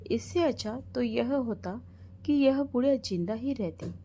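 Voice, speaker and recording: A woman's voice: on the high side, animated, measured pace, mellow, breathy edge, full character voice. Woman voicing a frightened young wife. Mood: fearful. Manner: fearful, pleading.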